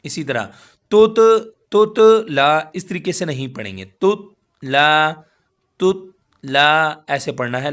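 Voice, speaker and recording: A man teaching Quran tajweed, reciting verses slowly and breaking them into syllables before explaining each rule. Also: fairly high pitch, a bit bright. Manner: slow drawn-out chanting for recited verses. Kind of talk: tajweed lesson with slow recitation.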